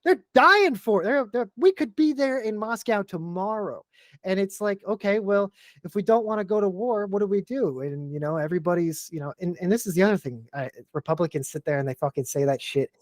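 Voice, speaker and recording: A man's voice: high voice, brisk, darkish tone, no echo. Fired-up, foul-mouthed man ranting. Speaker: podcast guest. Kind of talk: casual podcast chat.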